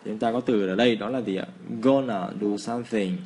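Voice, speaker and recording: A Vietnamese man with a somewhat low voice runs a relaxed English lesson. He talks through each phrase casually and then stretches the English words out slowly so learners can hear every sound. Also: breathy edge. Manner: slows down to model English phrases. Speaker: English teacher.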